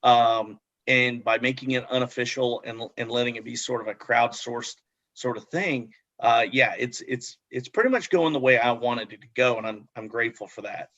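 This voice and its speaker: A man's voice: medium pitch, normal speed, a bit bright. Earnest man answering reflectively, muffled audio. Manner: thoughtful, earnest, many fillers. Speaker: club founder. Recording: muffled dry online audio.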